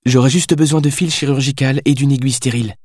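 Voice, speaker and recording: A man reading the part of a spirited, impulsive young woman who answers in quick, teasing retorts. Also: mid-range voice, steady tone, a little mellow, dry recording, studio quality, pitched above the performer's own voice, natural voice. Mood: cheeky. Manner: quick, teasing, triumphant replies.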